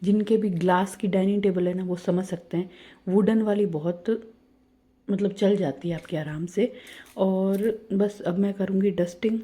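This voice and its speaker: A woman in her thirties narrating her daily home chores in a soft, hushed voice-over, chatty and confiding. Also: mid-range voice, fairly even intonation, measured pace. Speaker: home vlogger. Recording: roomy home voice-over with faint ambience.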